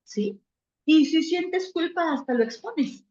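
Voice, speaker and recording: Psychologist lecturing, woman, high voice, dull lo-fi sound. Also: lively intonation, slow pace, a little mellow, roomy sound. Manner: conversational, acts out little scenes with quoted voices. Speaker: psychologist giving a talk. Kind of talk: virtual conference talk.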